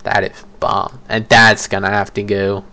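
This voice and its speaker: A young man with a lowish voice talks casually and rambles, stopping to correct himself as he goes. His delivery is loose and chatty, like someone thinking out loud for his viewers. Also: monotone, measured pace, gravelly. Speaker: creator ranking fast food. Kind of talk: casual solo commentary.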